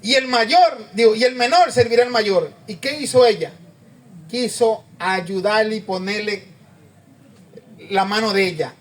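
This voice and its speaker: A man's voice: high voice, a little slow. A man preaching a conversational sermon, often asking the congregation questions and repeating amen.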